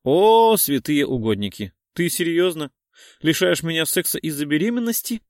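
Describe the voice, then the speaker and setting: A man's voice: fairly high pitch, expressive, normal speed, no echo, clean studio sound, voice pushed up. A man reading an audiobook, voicing a playful, demanding young woman in a raised voice. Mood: indignant. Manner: teasing, demanding.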